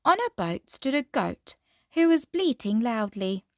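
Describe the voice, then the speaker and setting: A woman reading a children's storybook aloud in an expressive, measured fairy tale opening manner. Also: fairly high pitch, no room sound, clean studio sound.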